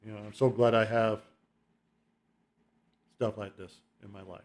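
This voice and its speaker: A man's voice: lowish voice, level tone, measured pace. A middle-aged man hosting his own album-ranking video, talking in a loose, rambling way with fillers and chuckles. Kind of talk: casual rambling monologue.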